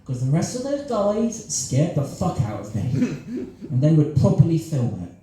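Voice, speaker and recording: A man's voice: fairly high pitch, wildly swooping pitch, a little slow, warm tone, slight background noise. A man with a Cornish accent doing solo improvised comedy storytelling before a live audience, self-deprecating and chuckling at his own jokes. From Cornwall. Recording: echoey live room.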